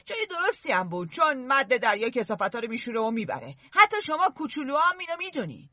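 A woman's voice: sits high, very animated, bright, forceful tone, no room sound, dull audio, full character voice. A woman voicing Ralph, an earnest, stern boy chief who lectures and scolds the others. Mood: lecturing.

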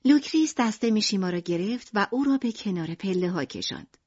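A woman narrating an audiobook in an expressive storytelling manner. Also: medium pitch, no room sound, muffled recording.

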